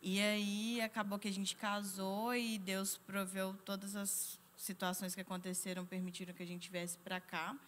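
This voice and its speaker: A woman in her thirties, a guest on a studio talk panel, telling her story in a quick, chatty way into a handheld mic. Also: mid-range voice, little pitch movement, a bit bright, a little hiss or hum. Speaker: guest student. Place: TV studio set.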